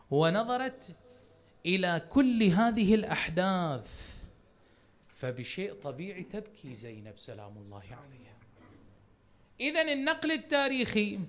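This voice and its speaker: A man with a Bahraini Arabic accent delivers a religious lecture in a fairly high voice. He talks straight to the congregation and presses his points with one rhetorical question after another, in a firmly emphatic preaching manner. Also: a bit bright. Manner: addresses the congregation directly. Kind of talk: Muharram sermon lecture.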